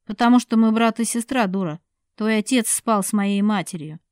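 A woman reader voices a menacing man in an audiobook, harsh and contemptuous. She keeps the dark, mellow tone of her own voice, close to the mic and dry. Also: medium pitch, moderate pace, smooth, no echo, lightly acted. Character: menacing, cold-hearted grown man.

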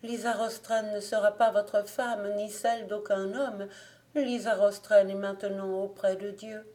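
A woman reading an audiobook voices a young servant girl whose speech goes from teasing to high, frantic pleading. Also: little pitch movement, measured pace, warm tone, lightly acted. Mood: mock-tearful. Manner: high-strung, pleading, rising to frantic cries.

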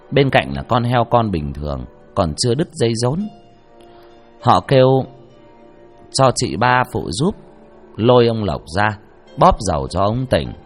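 A man narrates a spooky folk tale in a low voice that swings widely through the drama. Faint background music runs under the telling. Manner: dramatic, expressive. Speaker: storyteller. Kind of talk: narrating a ghost story.

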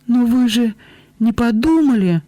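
A man's voice: very high voice, lively intonation, a little slow, dark tone, no room sound, pitched above the performer's own voice. A man reading aloud, voicing an eager, apologetic young woman who talks in breathless, flustered bursts. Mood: pleading, eager.

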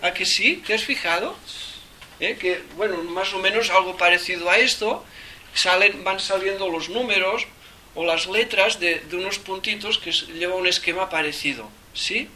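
A man's voice: sits high, normal speed, pushed and bright. A man with a Catalan accent teaching theosophy informally to a small group, rambling and asking "¿eh?" often. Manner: rambling, asks "¿eh?" again and again, thinks aloud. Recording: distant mic with faint noise.

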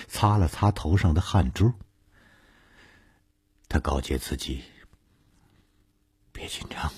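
A man reads a suspense serial in a very low, husky voice, taking his time. The sound is dry and close, with no room behind him. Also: no echo. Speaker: storyteller. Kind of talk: radio serial story reading.

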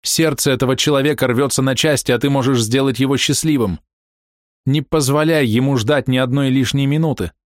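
A man's voice: medium pitch, brisk, dry recording, studio quality, voice pushed up, natural voice. A man voicing a remorseful young wife who confesses her adultery in an anguished, pleading way. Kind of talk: audiobook character voice.

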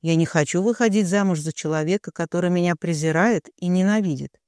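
Man reading a young heroine: tearful, pleading, defiant; high voice. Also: brisk, darkish tone, no room sound, studio quality, natural voice. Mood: furious. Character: distraught young woman, desperate and defiant.

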